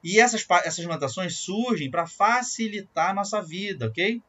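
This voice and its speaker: Bright, lively Brazilian music teacher. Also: male voice, high voice, moderate pace, a little hiss or hum. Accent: Brazilian Portuguese. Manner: explains patiently, checks in with frequent tag questions; chants syllables in rhythm while demonstrating. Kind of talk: recorded music lesson. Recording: dull lo-fi audio.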